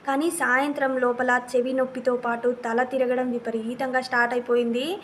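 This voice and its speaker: High-voiced woman telling her own story. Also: flat delivery, normal speed, a bit bright, slight background noise. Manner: earnest, repeats phrases, speaks straight to viewers. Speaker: vlogger. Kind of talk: casual personal storytelling to camera.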